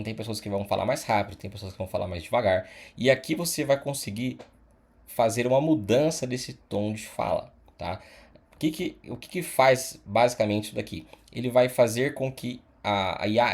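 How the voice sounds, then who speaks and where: A man's voice: fairly low pitch, darkish tone, breathy edge. A man teaching an online course in a casual, explanatory way, often tagging sentences with "tá?" and "né?". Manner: casual, explanatory, frequent "tá?" and "né?" tags. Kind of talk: screen-recorded tutorial.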